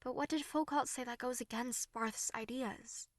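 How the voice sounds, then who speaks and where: A young woman playing a snappy tsundere tutor in an audio role-play, who goes from sharp scolding to halting, breathy, remorseful near-whispers. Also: fairly high pitch, fairly even intonation, dry recording, clean studio sound, close to an everyday voice. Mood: exasperated, scornful.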